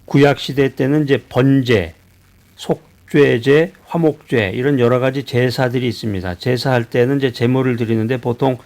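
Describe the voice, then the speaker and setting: A man from Seoul, a pastor giving a conversational sermon, asking his listeners questions and pausing on hesitations. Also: mid-range voice, fairly even intonation, a little mellow. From Seoul, South Korea. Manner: conversational preaching with rhetorical questions and frequent hesitations.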